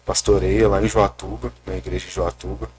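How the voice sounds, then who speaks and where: A young man, speaking hesitantly with many restarts and pauses while recounting his story in an interview at a rural rehab center. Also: deep voice, little pitch movement, darkish tone, slightly rough. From Minas Gerais, Brazil. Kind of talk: casual personal account.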